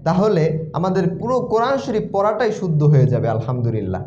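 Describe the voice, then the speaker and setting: A man's voice: high voice, very animated, fast, warm tone, a little hiss or hum. A man teaching a Quran pronunciation class, repeating letter sounds patiently. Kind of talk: slow Quran pronunciation lesson. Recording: roomy, slightly dull sound.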